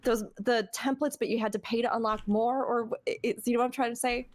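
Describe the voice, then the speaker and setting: A woman streamer hosting a podcast, chatty and animated, full of fillers and asides. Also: a little high, fast. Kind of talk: casual podcast discussion.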